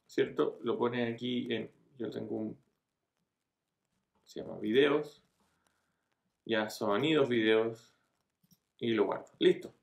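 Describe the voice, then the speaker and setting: In a small, echoey room, a middle-aged online marketing tutor records a casual step-by-step computer tutorial on a desk webcam, often checking in with viewers using phrases like "¿cierto?". His voice is medium-pitched, creaky and fairly bright.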